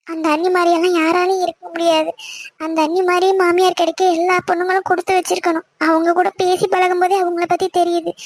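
A woman's voice: very high-pitched, no echo. A woman voicing a worried middle-aged village mother who is afraid of her husband and speaks in a pleading, apologetic way in a cartoon. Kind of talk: Tamil cartoon voice acting.

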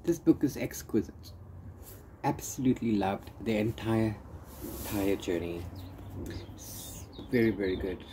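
A man with a fairly low, expressive voice talks a little slowly and pauses often in his casual book review vlog, rambling and trailing into repeated filler phrases. The clip is recorded in the open air under a corrugated-iron shelter with open sides, with noticeable background noise.

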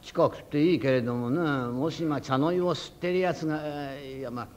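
A rakugo storyteller voicing an old retired man who frets over his tea ceremony in a slow, hesitant, mumbling way. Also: on the high side, a little mellow, slight background noise, pitched below the performer's own voice, natural voice. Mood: fretful. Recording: dull lo-fi old recording.

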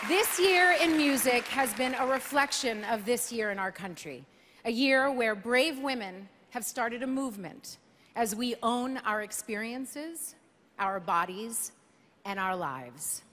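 Her voice is a little high, with lively intonation and a slightly slow delivery, as this woman hosts an awards show. The monologue is playful and self-mocking, with sudden sung lines, set on a large live arena stage. A little hiss or hum sits under loud crowd sound, applause and cheers.

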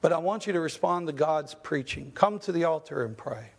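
A man's voice: a little high, expressive, a little fast, slightly rough. A man preaching a sermon as pastor in a church, impassioned, with rising questions and stammered restarts. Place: church sanctuary.

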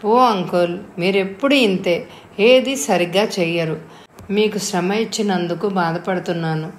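A woman voicing a headstrong, moody young woman who talks boldly and flares up quickly. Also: medium pitch, a little hiss or hum, natural voice. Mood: indignant. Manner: bold, quick-tempered. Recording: echoey room.

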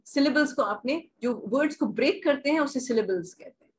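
A woman teaching grammar in an online class, patiently repeating examples and asking if things are clear. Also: sits high, lively intonation, poor audio. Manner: patient, repeats examples slowly, asks checking questions. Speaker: English teacher. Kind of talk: online class, bilingual explanation.

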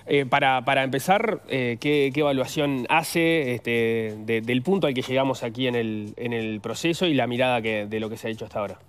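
A man's voice: medium pitch, a little fast, few pauses, clean tone. A man hosting a news talk show, briefing listeners on a case and questioning his guest, with frequent "este" fillers. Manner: informative, uses many "este" fillers. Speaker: radio show host, interviewer.

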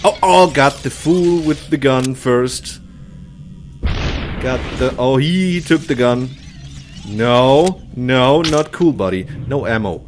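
A video game commentator in his thirties plays at a computer indoors, reacting in short, exclamatory bursts. He speaks slowly in a mid-range voice, and background noise is audible.

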